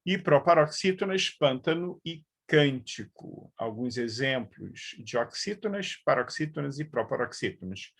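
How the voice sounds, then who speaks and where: A man's voice: medium pitch, expressive, creaky, a bit bright, husky. A man teaching grammar in a live online lesson, explaining patiently and checking in with viewers as he goes. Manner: slow, patient explaining with frequent fillers and check-ins.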